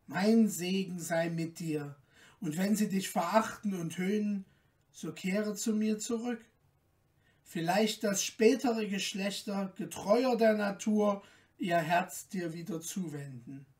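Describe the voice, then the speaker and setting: A man voicing a loving queen mother, speaking tenderly and calmly, recorded a little off the mic. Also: sits high, slow pace, distant mic. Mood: solemn. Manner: tender, calm, solemn.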